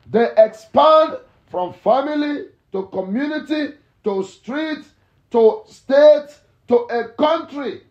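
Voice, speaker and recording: A male pastor delivers a fervent morning sermon with heavy repetition and sudden shouts. His voice sits very high and he drags out each phrase slowly. The recording is echoey and dull, like a lo-fi room capture.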